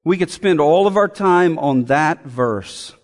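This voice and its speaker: Male preacher, high-pitched, emphatic repetition, reverberant hall. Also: expressive, takes it slowly. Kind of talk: sermon.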